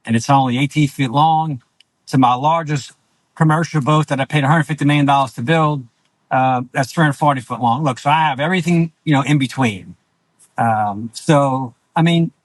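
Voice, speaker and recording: A self-assured man giving opinions bluntly as an interview guest, often checking his points with a quick tag question. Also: medium pitch, no room sound, poor audio. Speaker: interview guest, boat owner.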